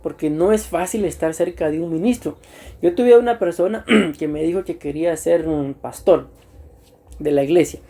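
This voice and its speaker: Male pastor, mellow tone, earnest church teaching, frequent throat-clearing. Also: fairly high pitch. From Costa Rica. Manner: earnest and unhurried, repeats himself, often clears his throat. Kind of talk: church teaching to new deacons.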